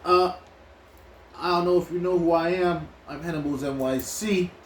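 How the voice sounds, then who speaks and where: A man from New York chats over food in casual slang, doubling back on his own words as he goes. His voice sits a little high, and the room gives it a clear echo. A faint hum of ambience stays under everything. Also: moderate pace. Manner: loose, slangy storytelling with many restarts. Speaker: mukbang co-host. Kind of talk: casual chat while eating.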